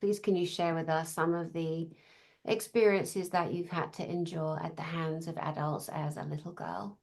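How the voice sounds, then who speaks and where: A woman's voice: low-pitched, little pitch movement, moderate pace, creaky, darkish tone. A woman hosting a panel on a video call, graciously thanking and introducing guests. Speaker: host.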